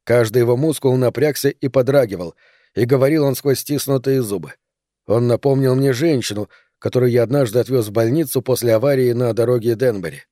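A man narrating a story in the first person in a measured, even reading voice. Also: medium pitch, no room sound, studio quality. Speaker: audiobook narrator.

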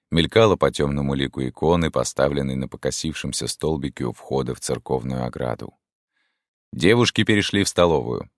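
A man narrating an audiobook of classic prose in an expressive, measured way. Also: extremely low pitch, dry recording, clean studio sound.

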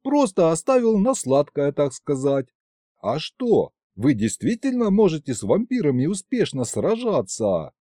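A man voicing an eager, excitable young man who speaks in a raised, lively voice. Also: fairly high pitch, a little slow, no room sound, studio quality, voice pushed up, full character voice. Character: eager young man, tsar's adopted son and clerk.

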